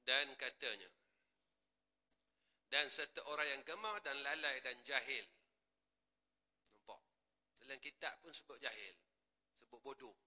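A man with a Malaysian Malay accent preaching in a prayer hall, switching from quiet asides to loud rising exclamations. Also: medium pitch, a little slow, pauses often. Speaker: religious teacher. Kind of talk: mosque sermon.

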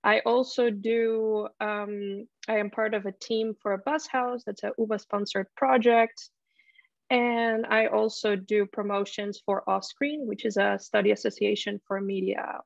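Young woman with a flat, gravelly voice. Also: mid-range voice, measured pace, no room sound. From Finland. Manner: hesitant, many ums and restarts. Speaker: student presenter. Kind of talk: casual presentation on a video call. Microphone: laptop mic on video call. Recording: dull, lo-fi video call audio.

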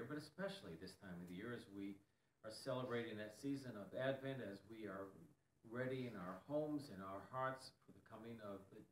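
Reverent male pastor praying in an echoey hall. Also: on the low side. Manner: measured, reverent. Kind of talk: opening prayer. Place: church fellowship hall. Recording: distant mic in echoey hall, faint room noise.

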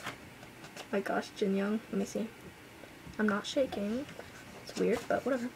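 A woman's voice: medium pitch, normal speed, background noise. A young woman vlogging an album unboxing at home, gushing and exclaiming, sometimes dropping to a whisper. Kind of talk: excited unboxing chatter.

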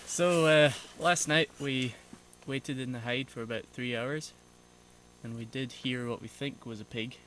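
Young male outdoor vlogger, relaxed and explanatory with dry humor, filmed on an action camera. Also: mid-range voice, measured pace, a little hiss or hum, low-quality recording. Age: young adult. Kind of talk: casual outdoor vlog narration. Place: outdoors in a forest.

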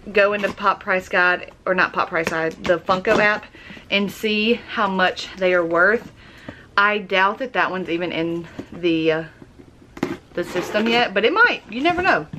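A woman's voice: mid-range voice, a little hiss or hum. Chatty woman unboxing. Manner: chatty and excitable, quick gasps of delight. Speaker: YouTuber. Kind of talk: casual unboxing vlog.

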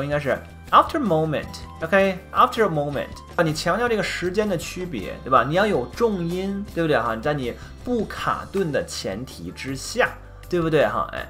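A woman's voice: a bass voice, fairly bright tone. A woman teaching English speaking, explaining pronunciation errors with many coaxing tag questions. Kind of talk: online lesson with English examples.

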